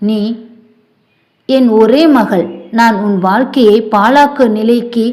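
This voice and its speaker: A woman's voice: fairly high pitch, slow pace, a little mellow. A woman voicing an earnest, protective older father in a storybook tale, speaking in a reassuring tone.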